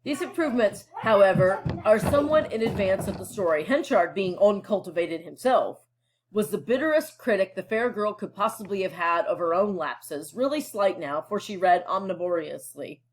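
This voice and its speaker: A woman teacher reads passages from a novel and stops to unpack them for her students. She talks casually and checks in often, her voice at an ordinary middle pitch. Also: animated, moderate pace, a little hiss or hum. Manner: casual and explanatory, with frequent fillers and check-ins. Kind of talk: reading a novel aloud and explaining it.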